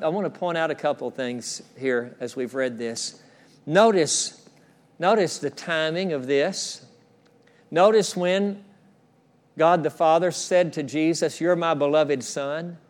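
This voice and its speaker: In a church sanctuary, a middle-aged pastor with a voice on the high side preaches an earnest sermon. He repeats phrases and sinks into a soft hush for quoted words.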